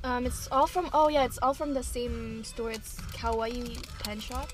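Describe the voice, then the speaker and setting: Giggly high-voiced young woman in a car. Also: measured pace, faint music behind. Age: young adult. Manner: bubbly, giggly, many fillers. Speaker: vlogger. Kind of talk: casual chat. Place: parked car. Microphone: camera on dashboard.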